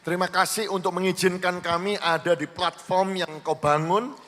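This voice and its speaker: A man's voice: high-pitched, fairly even intonation, moderate pace, fairly bright tone. A man interpreting a preacher live on stage, phrase by phrase. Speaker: sermon interpreter. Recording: live church hall, long reverb.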